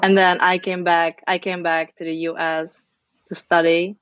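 Czech-accented woman, fairly flat intonation. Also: on the low side, a little slow, no room sound, dull audio. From Czech Republic. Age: early 30s. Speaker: podcast guest. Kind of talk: casual conversation.

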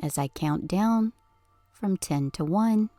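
Slow, soothing woman counting down in hypnosis. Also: on the low side, animated, warm tone, dry recording, faint music behind. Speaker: hypnosis podcast host. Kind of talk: guided hypnosis session.

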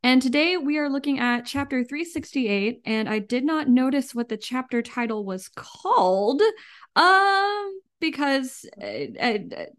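A woman's voice: sits high, expressive, unhurried, a bit bright. A woman co-hosting a podcast in informal, chatty talk peppered with "like". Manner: informal, uses "like" often. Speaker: podcast co-host. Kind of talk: casual chat.

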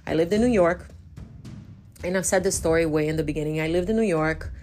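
A Brazilian woman in her forties, a native Portuguese speaker, hosting a casual solo podcast in a chatty, animated way that often corrects itself. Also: on the low side, fairly quick, faint music behind. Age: 40s. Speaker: podcast host.

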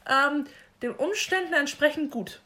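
A young woman co-hosting a casual podcast chat, playful and teasing, with loud exclamations. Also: high voice, measured pace, crowd noise. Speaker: podcast co-host.

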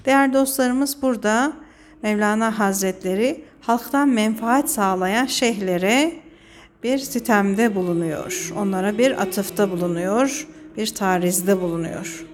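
A woman reads a religious lesson aloud, measured and earnest as she explains each verse to listeners. Her voice sits at a middle pitch. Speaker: radio presenter explaining a classic poem. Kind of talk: religious lesson, read from a script.

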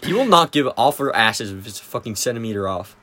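A man's voice: medium pitch, very animated, fast talker, sharp tone. A teenage boy chatting casually, joking crudely, laughing often and mimicking his teachers. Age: teens. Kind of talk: casual chat.

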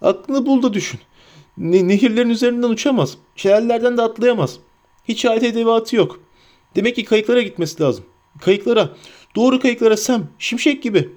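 A man doing a frantic high-voiced hobbit lad. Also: a little fast, a little mellow. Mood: urgent. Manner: high-pitched, frantic, talks to himself. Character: anxious loyal young male hobbit servant.

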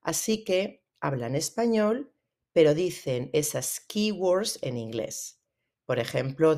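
A medical Spanish teacher explaining hospital vocabulary in a lively way, switching between Spanish and English and asking the listener questions. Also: mid-range voice. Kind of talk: educational explainer. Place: works in a hospital.

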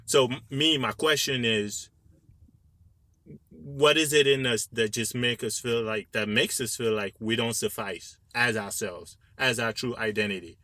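Bright-voiced man in a dry, close recording. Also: mid-range voice, fairly even intonation, unhurried, dry recording. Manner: discursive, rhetorical check-in questions. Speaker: podcast co-host. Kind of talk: casual panel discussion.

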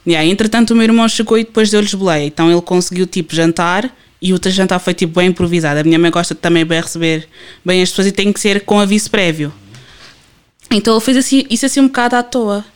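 A podcast guest, telling stories in an animated way with many fillers. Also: mid-range voice, fast talker, clean tone. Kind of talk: casual podcast chat.

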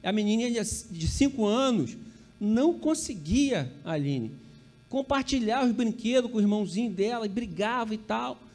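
A Brazilian pastor preaches with a high voice, lively intonation, and a moderate pace, his tone a little mellow over faint background music. He's chatty, often tossing tag questions to the congregation, correcting himself, and joking about his slips in asides.

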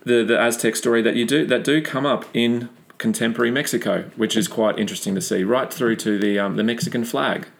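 A man's voice: medium pitch, steady tone, brisk, gravelly, hardly any pauses. An Australian man guesting on a casual history podcast, agreeable and explaining things in an easygoing way.

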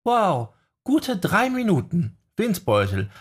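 Guy doing a snarky young witch lady, bit higher voice, fed up. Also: huge pitch swings, takes it slowly, slightly rough, full character voice. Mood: annoyed. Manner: sardonic, exasperated. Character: young woman necromancer, dry and irritable.

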